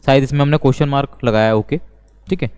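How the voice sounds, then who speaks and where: Man, grammar teacher, smooth resonant voice, slow and repetitive, reverberant room. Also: mid-range voice, darkish tone. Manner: slow, deliberate, repeats each sentence. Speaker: English teacher. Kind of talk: classroom grammar lesson. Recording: long reverb.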